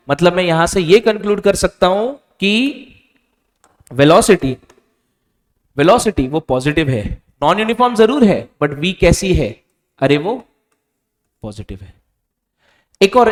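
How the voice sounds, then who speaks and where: A male physics teacher giving a board lecture, asking questions and quietly answering them himself. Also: sits high. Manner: stretches out key answer words softly. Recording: reverberant room.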